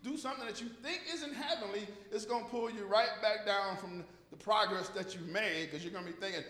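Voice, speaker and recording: An American preacher leads an informal sermon with call and response, repeating lines to drive them home. He speaks briskly in a high, fairly bright voice. The large congregation hall adds a long, echoing reverb.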